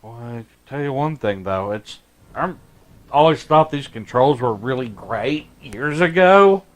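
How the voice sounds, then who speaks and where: A man's voice: mid-range voice, unhurried. Brief: young adult man, easygoing let's-play co-host, talky and reactive. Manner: relaxed, chatty, reacts aloud to the game. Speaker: gameplay commentator. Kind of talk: casual gameplay commentary.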